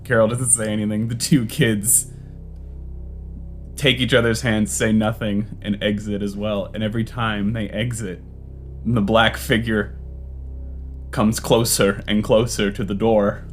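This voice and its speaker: A man narrates an improvised story in a low voice, unhurried and full of deliberate pauses. Faint guitar music plays under his slow delivery. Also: flat delivery. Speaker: podcast co-host storyteller.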